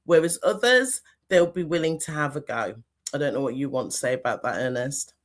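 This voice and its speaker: A woman with a bass voice hosts a podcast interview over a video call, talking fairly quickly. She chats casually and animatedly and laughs often.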